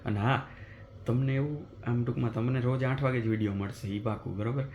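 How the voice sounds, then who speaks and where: A man, telling a story as a vlogger in a chatty, animated way, recorded in his apartment at night. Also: medium pitch, a little fast, lo-fi sound. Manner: animated retelling of a mishap, chatty and conversational. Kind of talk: casual vlog storytelling.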